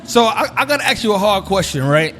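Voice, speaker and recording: New York host man, high for a man, easygoing, quick affirmations, faint music bed. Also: big pitch swings, a bit bright. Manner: laid-back, affirming with short backchannels. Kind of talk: casual interview.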